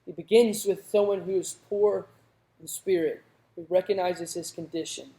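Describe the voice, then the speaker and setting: Mellow-voiced youth preacher. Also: mid-range voice, fairly even intonation, moderate pace. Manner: conversational preaching, rising to emphatic. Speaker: youth pastor. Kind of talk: sermon. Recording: roomy echoing hall.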